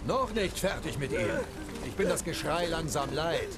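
An actor playing a cold, commanding bandit leader in a video game, imperious and weary of fuss. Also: male voice, a little high, lively intonation, normal speed, heavy background noise. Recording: music underneath.

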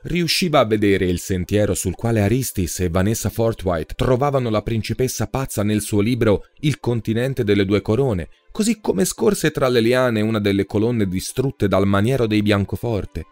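Expressive male storyteller over soft music. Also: lowish voice, normal speed. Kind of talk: scripted narration of a short story.

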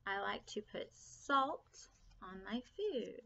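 A woman teaching a phonics lesson to young children, speaking slowly and deliberately, stretching out sounds and repeating each word. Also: mid-range voice, sing-song, creaky, sharp tone. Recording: slightly dull lo-fi recording.

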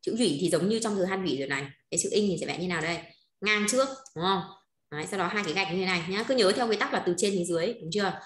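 A woman's voice: lowish voice, a little hiss or hum. A woman with a Northern Vietnamese accent teaching a language class, patiently checking in with her students. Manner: patient, keeps checking with quick questions. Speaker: Chinese teacher. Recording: roomy echo.

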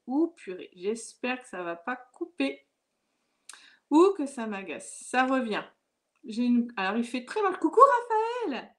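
A woman hosting a live watercolor lesson from home, chatting casually, greeting viewers and laughing often. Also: a little high. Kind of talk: casual live-stream chat.

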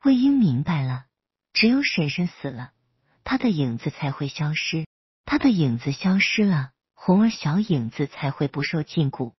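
A cheeky, earnest small boy cultivator from a storybook, prattling on about himself in the third person, as a woman reads him. The voice sits low and husky. It is a dry, dull recording. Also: very animated, moderate pace, no echo, full character voice.

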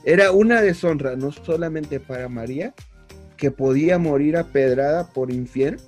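A man's voice: on the high side, moderate pace, darkish tone, faint music behind. A young man, co-hosting a casual podcast chat, reflective and hesitant with many fillers. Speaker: podcast co-host.

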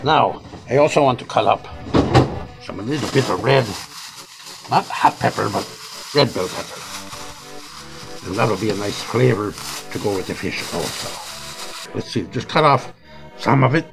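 An older man with a gravelly, creaky voice talks through a home cooking demonstration in a relaxed, folksy way, slipping in the odd pirate joke. A pan sizzles in his kitchen while music plays clearly underneath his voice. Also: on the low side, unhurried, long pauses, low-quality recording. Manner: folksy, chatty, with occasional pirate jokes. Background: sizzling frying pan and music.

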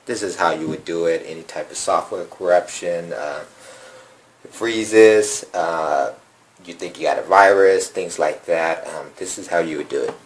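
With a deep, breathy-edged voice and a measured pace, a phone repair tutorial host guides viewers through a phone reset step by step. He speaks casually from a table in an indoor room, his delivery relaxed and thick with ums and uhs.

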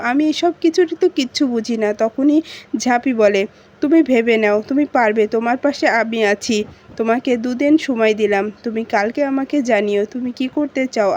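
Woman, high voice, casual story retelling, dull lo-fi sound. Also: darkish tone. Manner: retells every character's lines in her own voice. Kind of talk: casual narration with quoted dialogue. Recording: dull lo-fi recording.

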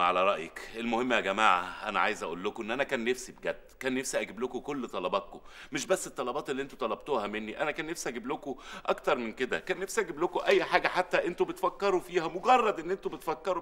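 A sitcom lead acts the part of a frazzled middle-aged dad with a medium-pitched male voice, delivered very quickly and with a light acting touch. Sarcasm and exasperation run through his performance, which escalates into shouted rants.

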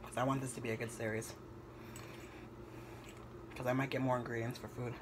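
Indoors in his home kitchen at night, a young vlogger rambles through a casual cooking video, often hesitating with ums. His middle-pitched voice moves little in pitch and runs fairly quick. A camera on the counter captures him, and background noise is clearly audible.

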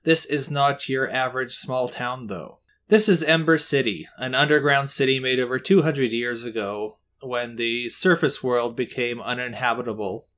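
A man's voice: medium pitch, fairly bright tone. A man hosting his own movie review show, talking casually with chatty, self-deprecating asides. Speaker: host.

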